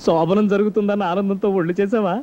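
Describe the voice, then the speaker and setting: An actor playing a flustered, wisecracking young bridegroom in a film comedy, with quick, exclamatory delivery. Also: male voice, high-pitched, steady tone, mellow, dull audio, close to an everyday voice.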